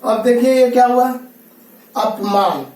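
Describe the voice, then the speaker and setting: A man with a very high voice explains a lesson slowly and patiently, going back over his phrases. He sounds some way from the mic, and the room gives his voice a strong echo. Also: recorded from a distance, crowd noise. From India. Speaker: school teacher. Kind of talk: classroom lesson.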